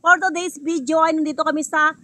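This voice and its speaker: This middle-aged woman speaks with a Filipino accent and a bright, sharp tone, set a little high. She chats casually to her viewers, laughs often and keeps calling them "guys". She films outdoors in a rural yard on a handheld phone. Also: steady tone, a little fast, no room sound. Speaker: vlogger. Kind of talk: casual vlog walkthrough.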